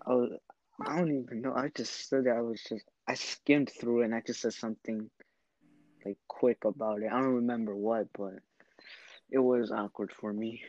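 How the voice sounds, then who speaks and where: A man's voice: mid-range voice, steady tone, a little mellow, dry recording, muffled recording. Tired young man, dry close sound. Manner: tired, halting storytelling. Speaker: podcast co-host. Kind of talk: casual chat.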